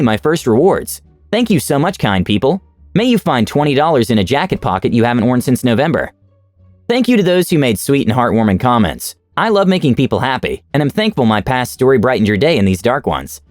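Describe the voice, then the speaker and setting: Man narrating stories with animated pitch. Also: dry recording. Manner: lively, expressive reading. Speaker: story narrator. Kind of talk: scripted narration of online stories.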